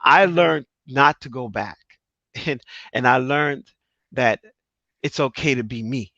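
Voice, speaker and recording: A man's voice: medium pitch, a little slow, pushed and bright, dry recording. A middle-aged man hosting an interview, speaking earnestly and testifying from his own life with emphatic repeats. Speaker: host. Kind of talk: casual interview talk. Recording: dry, slightly dull sound.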